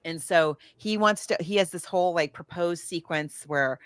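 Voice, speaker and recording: A lowish, clear, resonant voice at a moderate pace belongs to an American woman co-hosting a podcast. She chats casually while retelling a film, sometimes performing its lines, in a dry, studio-quality recording.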